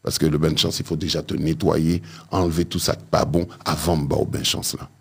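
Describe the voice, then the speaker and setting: Man, very low voice, husky, vodou priest, studio interview, emphatic. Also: level tone, fairly quick. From France. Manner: emphatic, repeats key words. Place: radio studio. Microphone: studio mic with headphones.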